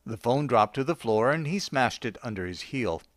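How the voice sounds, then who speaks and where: A man reading a short story aloud with a wry, deadpan delivery. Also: medium pitch, normal speed, dry recording, clean studio sound. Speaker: narrator.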